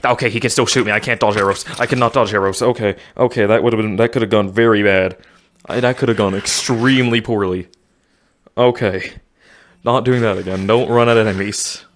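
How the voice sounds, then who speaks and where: A man's voice: on the low side, fairly even intonation, a little fast. A young man commentating his own VR gameplay, out of breath, narrating every move and muttering to himself. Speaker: gaming YouTuber. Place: home room with desk.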